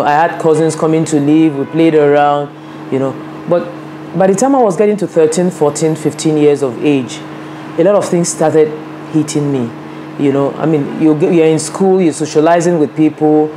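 A Nigerian women's rights advocate in her fifties, interviewed at a desk in her office with a large window, earnestly tells her life story in reflective fashion, with many "you know" asides, filmed by a camera across the desk. Her voice is low, with background noise.

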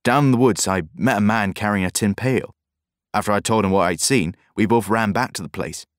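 A man voicing an excited, frightened young farm boy in an audiobook, eager and breathless. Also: fairly quick, dry recording, studio quality, natural voice. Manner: breathless, eager, high-pitched. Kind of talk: audiobook character voice.

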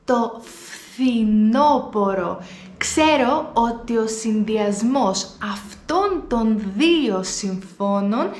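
A woman with a Greek accent and a fairly high voice leads a pronunciation lesson, stretching each word out slowly and repeating it for learners to copy. Her voice rings in an echoey room. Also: expressive, slight background noise. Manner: slow, deliberate word repetitions for learners. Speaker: Greek language teacher.

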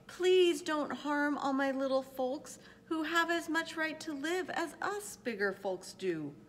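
A woman voicing a big, gentle, protective male elephant from a storybook, speaking earnestly and pleadingly. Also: fairly low pitch, lively intonation, unhurried, slightly rough, full character voice. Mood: urgent, protective.

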